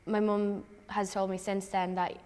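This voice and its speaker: A woman's voice: mid-range voice, level tone, a little slow, a little mellow, clean tone, long reverb tail. A twenty-year-old woman speaking reflectively and composedly in a documentary interview. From Ireland.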